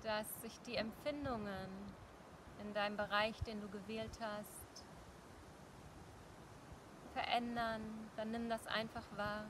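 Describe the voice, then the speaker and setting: A middle-aged woman leading a guided meditation like a dream guide, speaking gently and soothingly with long pauses. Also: a little high, steady tone. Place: outdoors in a forest. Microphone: small clip-on mic at the collar. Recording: clear outdoor ambient noise.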